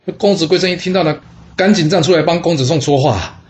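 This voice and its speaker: Speaking quickly in a higher-pitched voice, this man recounts a tale from an ancient court, and the recording's highs are cut off. His casual storytelling is lively, full of questions he asks and promptly answers.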